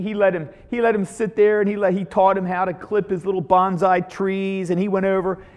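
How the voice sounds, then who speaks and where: A man with a fairly high voice leads a Bible study in a loose, storytelling sermon style. He retells a story with lively energy and keeps doubling back on his words. His voice carries a long reverb, as in a large hall. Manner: animated retelling with frequent repeats.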